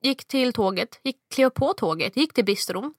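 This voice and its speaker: Animated swedish-speaking woman telling a story. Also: dry recording, studio quality. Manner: animated storyteller who acts out quotes in a much higher voice. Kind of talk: casual storytelling chat.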